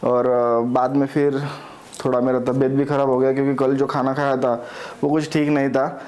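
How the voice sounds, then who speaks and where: A man's voice: medium pitch, level tone, moderate pace, a little mellow. A man in his forties from India, vlogging casually on a lapel mic while feeling unwell, rambling with fillers. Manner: chatty, rambling, fillers like yaar. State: unwell, upset stomach. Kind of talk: casual travel vlog. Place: home, car, roadside eatery. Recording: noisy background, road and vehicle sounds.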